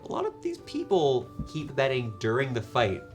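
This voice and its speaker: A man's voice: mid-range voice, wildly swooping pitch, moderate pace, faint music behind. A man running a tabletop game as game master, describing scenes at length and often restarting his phrases.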